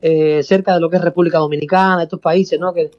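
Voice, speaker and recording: Cuban bandleader, warm dull-toned voice. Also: male voice, a little high, fairly even intonation, fast talker. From Cuba. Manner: expansive, repeats himself, calls host "hermano". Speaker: salsa bandleader guest. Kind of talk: casual radio interview.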